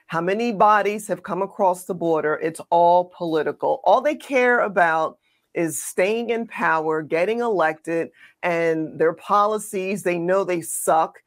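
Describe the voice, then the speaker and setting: A woman's voice: on the low side, measured pace. A woman co-hosting a political commentary show, speaking emphatically and sarcastically and addressing her audience directly.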